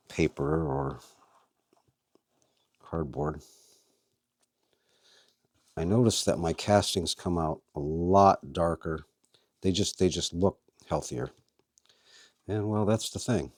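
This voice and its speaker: A man's voice: low voice, darkish tone, no room sound, clean studio sound. A man hosting a casual how-to video, chatting as he works and talking to his worms. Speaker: vlog host and worm farmer.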